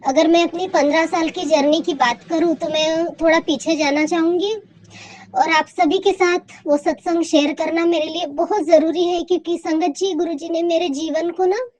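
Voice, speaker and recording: Woman, high voice, heartfelt devotional testimony, keeps repeating thanks. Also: fairly even intonation, moderate pace, darkish tone. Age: adult.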